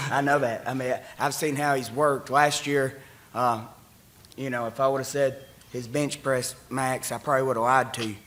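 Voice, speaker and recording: A man, a football offensive coordinator, giving plainspoken press conference remarks with many pauses. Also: medium pitch, fairly even intonation, fairly bright tone.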